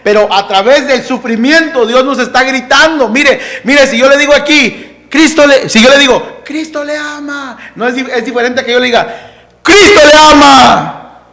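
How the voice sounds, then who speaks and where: A man preaching a sermon as pastor, who shouts out scripture and then drops to a hushed, slow voice, calling the congregation "hermano" and "amado". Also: very high-pitched.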